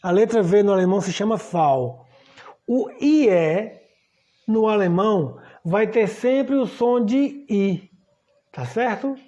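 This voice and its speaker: At a board, a Brazilian Portuguese–accented woman works through a language lesson with patience, spelling letters aloud and making sure the class keeps up. Her medium-pitched voice is warm and expressive, and she talks at a slow pace.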